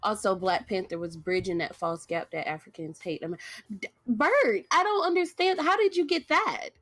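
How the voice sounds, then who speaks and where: A woman co-hosting a podcast live over a video call, chatting casually and asking questions in an animated way. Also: medium pitch, moderate pace, no room sound. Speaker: podcast co-host. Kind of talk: casual live-stream chat.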